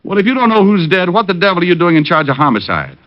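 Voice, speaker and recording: An American actor, the lead and narrator of a 1940s-50s radio detective drama, plays a wisecracking, cocky private detective who used to be a cop. His male voice sits high and he talks fast, teasing and needling in a wry, bantering, deadpan way. The vintage radio recording sounds dull.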